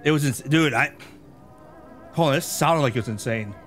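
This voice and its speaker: A man streaming a game live, chatting excitably with viewers and laughing often. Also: medium pitch, normal speed, faint music behind.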